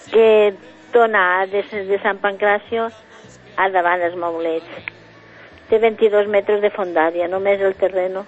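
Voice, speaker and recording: A woman calling a radio show over the phone, haltingly listing the details of a house. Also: medium pitch. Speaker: caller. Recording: muffled phone line on radio.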